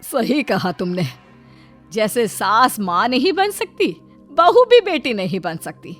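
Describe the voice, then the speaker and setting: A woman voicing a stern, sharp-tongued middle-aged mother-in-law in an animated story, scolding with cutting retorts. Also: fairly high pitch, slow pace, soft background music, heavily acted. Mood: sarcastic.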